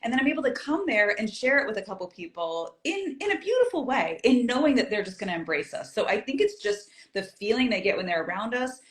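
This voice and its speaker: A woman's voice: fairly high pitch, very animated, quick pace, hardly any pauses, roomy sound. A woman chatting as an interview guest, telling stories and acting out her own past thoughts. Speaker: guest, community group founder. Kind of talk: casual interview chat.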